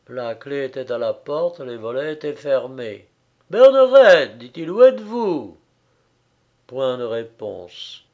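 A man narrating classic fiction in a measured, expressive audiobook reading. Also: medium pitch.

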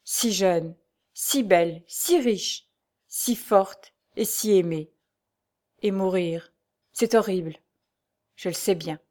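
A woman reading the part of an elderly male doctor, grave and sorrowful, with measured, somber replies. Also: medium pitch, darkish tone, lightly acted.

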